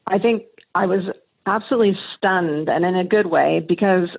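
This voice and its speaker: A woman's voice: lowish voice, moderate pace, gravelly, breathy edge. A woman being interviewed on a podcast, talking earnestly and thoughtfully with frequent restarts. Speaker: interview guest, past association chair. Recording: tinny phone-like remote line.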